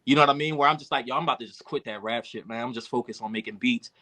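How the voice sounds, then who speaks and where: Man, bright tense voice, candid rambling storytelling, emotional. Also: mid-range voice, rapid-fire. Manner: emotional, reflective, many fillers and restarts. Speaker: podcast guest, rapper and producer.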